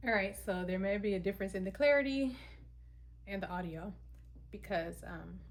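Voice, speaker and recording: A woman's voice: medium pitch, normal speed. A woman in her middle years vlogging at home, talking casually and tiredly, rambling and interrupting herself as she thinks aloud. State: tired, out of breath at times. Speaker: content creator vlogging her routine. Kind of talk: casual vlog talk to camera. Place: at home, indoors.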